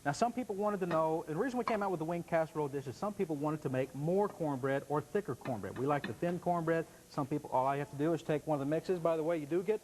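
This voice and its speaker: Fast-talking folksy home shopping salesman. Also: fairly high pitch, a little mellow, slight background noise. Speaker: guest product vendor and demonstrator. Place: TV studio demonstration set.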